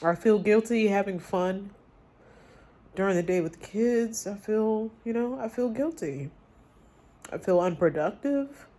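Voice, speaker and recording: A woman speaking candidly in a personal vlog, confiding and reflective, with halting phrases and pauses. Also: medium pitch, animated, mellow. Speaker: vlogger.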